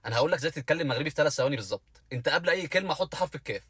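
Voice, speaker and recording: Egyptian man joking with a husky voice. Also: fairly high pitch, animated, very fast, a bit bright, dry recording, studio quality. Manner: mocks dialects, stretching words; shifts between his own voice and put-on voices. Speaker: comedian. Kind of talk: comedy sketch.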